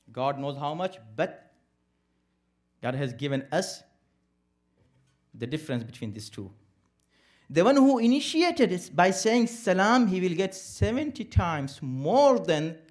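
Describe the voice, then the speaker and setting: A man with a high-side, slightly mellow voice speaks at an interfaith program held as a community center event. Emphatic and preacherly, he lectures the live audience and answers his own rhetorical questions.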